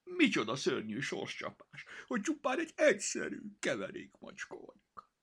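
A vain, touchy house cat, played by a male narrator drawls its lines with pompous mock drama. The voice leaps up high and swoops around widely, with a husky texture. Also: wildly swooping pitch, sharp tone, full character voice.

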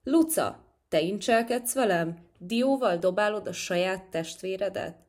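A woman's voice: lowish voice, darkish tone, natural voice. A woman doing a touchy young tomcat. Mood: indignant. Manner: quick to anger.

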